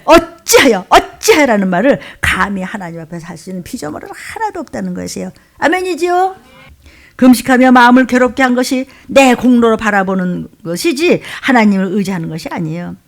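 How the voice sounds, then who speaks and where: A woman pastor preaching an emotional sermon. She swings between loud, fervent outbursts and low muttering asides. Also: lively intonation, a little fast, gravelly.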